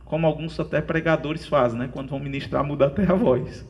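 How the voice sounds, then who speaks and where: High-voiced Brazilian pastor preaching. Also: male voice, steady tone, fast. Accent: Brazilian Portuguese. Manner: earnest preaching, often calls listeners "querido". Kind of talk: sermon.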